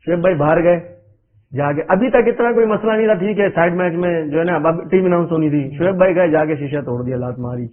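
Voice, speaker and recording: A middle-aged man from Pakistan spins anecdotes in an animated way, with run-on sentences and frequent chuckles. His voice sits a bit higher than most men's. The sound is squeezed thin, like a phone line carried over radio. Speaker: cricketer guest. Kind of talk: anecdotal interview storytelling. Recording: narrow phone-like radio audio.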